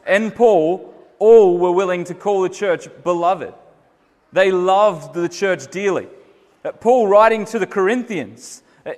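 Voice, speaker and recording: A man preaching a sermon in an earnest, emphatic way, swelling louder on key phrases and then dropping soft. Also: sits high. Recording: echoey hall with long reverb.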